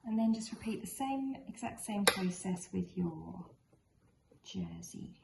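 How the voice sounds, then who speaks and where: A woman's voice: medium pitch, animated, measured pace. A woman talking informally through a craft tutorial in a chatty, encouraging, conversational way. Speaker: sewing tutorial presenter. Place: indoors in a room at home. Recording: echoey room, clear background noise of drilling. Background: builders' drilling and work noise.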